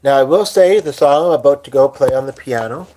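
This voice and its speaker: Speaking at a slightly quick pace in a mellow, mid-range voice, this Hungarian man streams live from his home piano. As he prepares to play, he rambles loosely to the people watching, and his phone picks up the casual chat.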